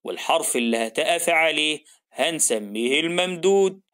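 A man with an Egyptian Arabic accent voicing the letter Alif as a stubborn male figure who sets rules, in a slow, lowered storytelling voice for a children's lesson. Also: animated, fairly bright tone. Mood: firm.

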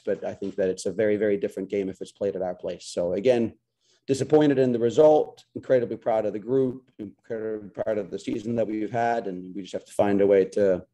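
Over a video call webcam from a small locker room, a head coach in his forties answers post-game press questions. His low, warm voice sounds earnest, and he repeats words as he starts his sentences over.

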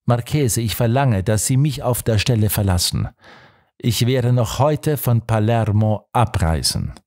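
A man's voice: medium pitch, animated, a little slow, a little mellow, dry recording, clean studio sound. A man reading the part of a defiant young woman in an audiobook, firm and scornful in tone. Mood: calm. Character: defiant young woman held captive, proud.

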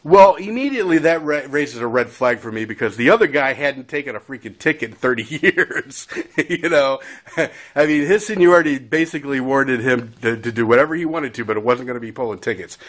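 A man's voice: medium pitch, lively intonation, brisk, fairly bright tone. A man telling a casual story about his railroad days, rambling and chuckling with conversational asides. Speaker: former railroad crew storyteller. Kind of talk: casual spoken anecdote.

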